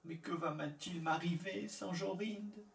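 A man's voice: high voice, slow pace, creaky, a little hiss or hum, pitched above the performer's own voice, exaggerated voice. A man doing a desperate pleading young man. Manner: pleading, raised voice. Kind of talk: storybook reading. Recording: echoey room, far from the mic.

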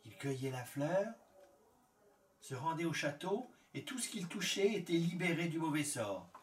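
A man reading a fairy tale aloud in a calm, measured storytelling manner. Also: on the high side. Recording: echoey room, far from the mic.

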